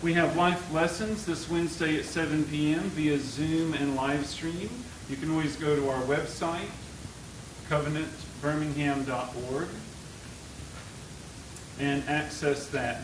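A man's voice: fairly high pitch, steady tone, a little slow. A man leading a church service, giving announcements and introducing prayer songs in a plain, explanatory way. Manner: plain, explanatory, leads the congregation. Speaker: worship leader. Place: church sanctuary. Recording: echoey sanctuary, far mic, noisy.

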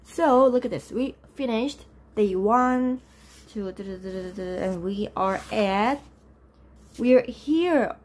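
A woman's voice: slow pace, a little mellow, slight background noise. Friendly woman teaching a live online class. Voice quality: lower, rough voice from just waking up. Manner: chatty, greets and answers viewers by name, laughs often. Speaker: Korean language teacher. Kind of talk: live-streamed lesson with chat.

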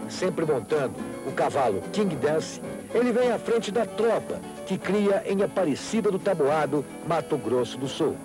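A man's voice: fairly high pitch, big pitch swings, normal speed. A man with a Brazilian accent reading scripted documentary narration as a TV reporter. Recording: clear music behind narration.

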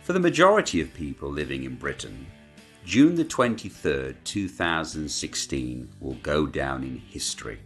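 A man narrating a documentary in a measured, scripted way. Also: a bass voice, big pitch swings, fairly bright tone, faint music behind.

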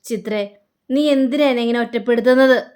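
A drunk, remorseful husband, as a woman storyteller puts him on, begging his wife not to shut him out. The voice drops quieter and a little lower than her usual narration. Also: fairly quick, clear, resonant tone, lightly acted. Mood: imploring.

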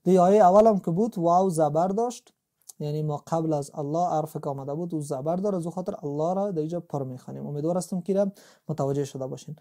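Man, warm dark tone, patient Quran teacher, tajweed lesson. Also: fairly high pitch. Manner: patient step-by-step explaining.

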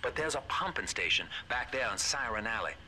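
A man's voice: mid-range voice, lively intonation, fairly quick, pushed and bright, slight background noise. An actor playing a scheming, folksy male ally in a game who guides the player by radio in a drawling, coaxing way.

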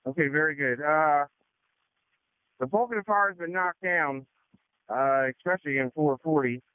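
Fire commander over tinny two-way radio. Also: male voice, a little high, smooth, no echo. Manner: halting, frequent uh fillers, matter-of-fact. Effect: two-way radio transmission. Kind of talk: fireground radio report. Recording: tinny dry radio channel.

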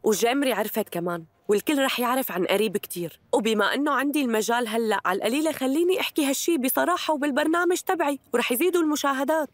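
A woman's voice: high voice, very fast, few pauses, dry recording. A woman dubbing a bold young woman who hosts her own online show and speaks to her viewers with brash confidence. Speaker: dubbing actress. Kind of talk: Arabic dub of a TV drama.

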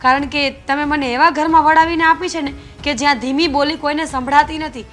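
A young woman playing a stubborn, demanding newlywed wife who talks loudly and argues. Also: sits high, fairly even intonation, fairly quick, faint music behind. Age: young adult. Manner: loud, argumentative.

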